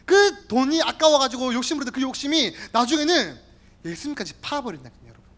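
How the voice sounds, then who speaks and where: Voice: high voice, sing-song, fast, a bit bright. A youth pastor delivering a sermon, addressing listeners directly and repeating key words for emphasis.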